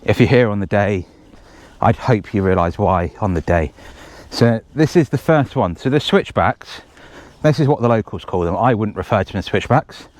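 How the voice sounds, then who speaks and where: A man organising a race chats casually and breathlessly while running a forest trail, rambling with jokey asides in a running commentary. His voice is fairly low and expressive, with a darkish tone and normal speed. There's no room sound.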